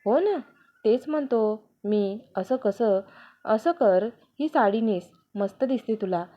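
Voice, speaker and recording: A woman's voice: fairly high pitch, animated, slow. A woman voicing a playful, affectionate young husband in a read-aloud family story, on a dull lo-fi recording. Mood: teasing. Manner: teasing, affectionate.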